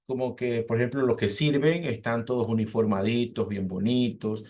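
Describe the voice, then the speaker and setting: A man teaching a seminary preaching class, explaining points in a relaxed lecture with fillers and rhetorical questions. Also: mid-range voice, moderate pace. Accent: Latin American Spanish.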